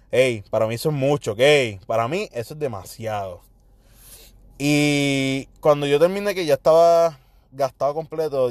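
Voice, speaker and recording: A man's voice: medium pitch, dry recording. Chatty Puerto Rican man, dry close sound. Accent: Puerto Rican Spanish. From Puerto Rico. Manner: animated, mixes English slang, acts out quotes. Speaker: vlogger telling personal stories. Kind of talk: casual storytelling monologue.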